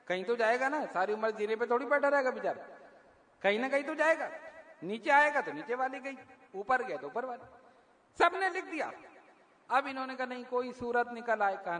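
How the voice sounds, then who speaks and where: A man preaching a sermon, telling stories and acting out the dialogue in an animated way. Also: very high-pitched. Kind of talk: sermon storytelling. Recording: echoey hall with long reverb.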